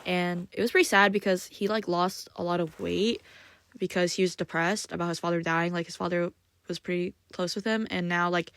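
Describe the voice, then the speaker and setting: A woman with a fairly low voice rambles through a solo podcast review, leaning on "like" and "um" as she goes. Her talk is loose and unscripted, with self-conscious little apologies. The sound is dry and close, with no room around it. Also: steady tone, fairly quick, a bit bright, no room sound. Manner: rambling, filler-heavy, frequent "like" and "um". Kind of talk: casual unscripted monologue.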